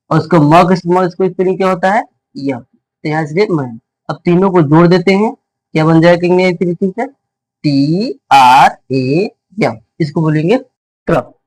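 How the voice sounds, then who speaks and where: Man with a slightly high voice teaching spelling. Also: moderate pace, no room sound, rough recording. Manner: repetitive, stops to ask and answer his own questions. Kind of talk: spelling lesson for viewers.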